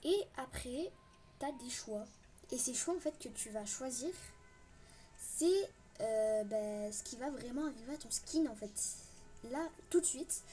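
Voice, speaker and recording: A woman's voice: on the high side, animated, unhurried, warm tone, faint music behind. A young woman giving casual, rambling, self-mocking gameplay commentary as a gaming video host. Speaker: gaming youtuber.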